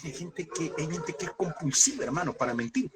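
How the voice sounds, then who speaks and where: A man's voice: a little high, very animated, fairly quick, background noise. A man, a pastor preaching a lesson, telling a personal story and fervently calling his listeners brother.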